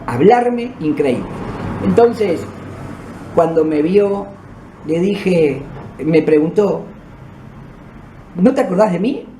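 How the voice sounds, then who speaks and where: A podcast host with a Uruguayan Spanish accent recounts his own paranormal experiences in the first person, conversationally. His voice is a little high and mellow, recorded in an echoey room with background noise.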